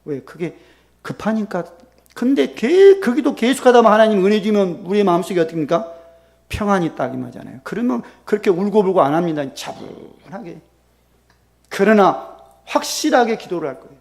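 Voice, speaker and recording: A man preaching in a high, gravelly voice that swings widely in pitch. He moves from sudden loud bursts to quiet, drawn-out lines. His sermon delivery is animated and expressive. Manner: animated preaching, acting out quoted prayers with sudden loud bursts and soft drops. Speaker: pastor.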